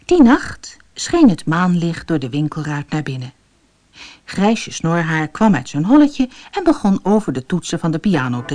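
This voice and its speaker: A woman narrating a children's storybook with a low voice that swoops and lifts in lively melody. She tells it expressively, with soft music faintly under her.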